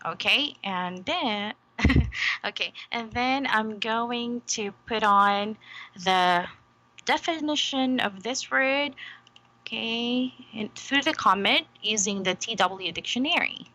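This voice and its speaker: A woman's voice: on the high side, takes it slowly, pushed and bright, rough recording. A woman giving an online English demo lesson, patient and encouraging, checking understanding with frequent "okay?".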